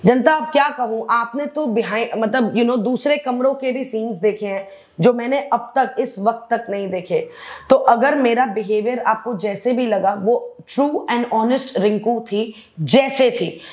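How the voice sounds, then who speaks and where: Blunt, outspoken woman, bright high voice. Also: a little slow. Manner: blunt, animated, mixes in English phrases. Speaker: interview guest, reality show contestant. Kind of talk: candid interview chat.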